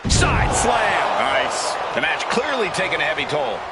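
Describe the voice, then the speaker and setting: A man's voice: fairly high pitch, sing-song, unhurried. A man doing wrestling play-by-play commentary, emphatically calling out moves. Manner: emphatic, exclaims move names. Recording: very loud arena noise behind voice.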